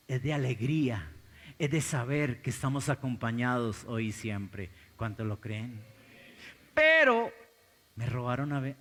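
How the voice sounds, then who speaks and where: A man with a Colombian accent preaching a sermon as pastor, swinging between loud exclamations and low intense asides. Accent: Colombian Spanish. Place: large church hall. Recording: live church recording with long hall reverb.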